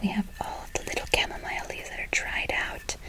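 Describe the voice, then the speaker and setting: Whispering fairly quickly with a sharp tone, the ASMR performer takes on the role of a soothing witch working a good luck spell, dwelling on repetitions and affectionate words.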